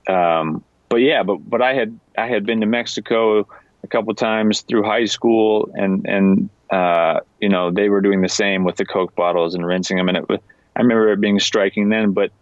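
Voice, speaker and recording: Deep-voiced American man, relaxed and thoughtful. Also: no echo, muffled recording. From United States. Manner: relaxed, thoughtful, trailing restarts. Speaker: leatherworker, guest. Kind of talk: casual conversation.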